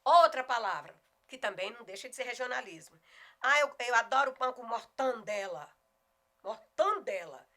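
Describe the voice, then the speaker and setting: A middle-aged woman with a Goiás Brazilian accent teaching a video lesson on spelling, emphatic and often slowing down to spell words out. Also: fairly high pitch, sharp tone. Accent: Goiás Brazilian Portuguese. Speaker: Portuguese teacher.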